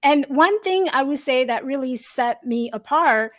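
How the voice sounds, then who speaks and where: High-voiced woman from Taiwan, lively guest. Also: a little slow. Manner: animated, laughs often, simple non-native grammar. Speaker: podcast guest, storyteller. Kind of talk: casual interview chat.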